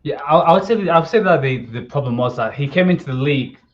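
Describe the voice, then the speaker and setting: A man's voice: on the high side, animated. Rambling man with dull lo-fi sound. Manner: rambling, halting restarts. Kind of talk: casual sports podcast chat.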